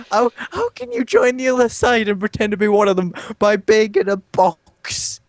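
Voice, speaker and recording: Lively high-voiced man, teasing. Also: measured pace, no room sound. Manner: teasing, puzzled questions, giggles. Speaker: podcast co-host. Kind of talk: casual gaming chat.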